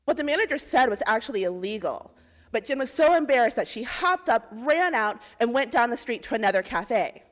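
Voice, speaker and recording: Woman from Indiana giving a clear pitch. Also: expressive. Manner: clear, measured, persuasive delivery of figures. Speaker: presenter in a policy pitch competition. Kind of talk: rehearsed pitch presentation.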